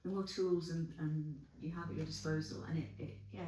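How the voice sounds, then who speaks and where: A woman's voice: deep voice, steady tone, a little fast, warm tone. A woman giving hesitant, encouraging closing remarks to writers at a festival, full of ums. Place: festival venue. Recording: echoey room, faint noise.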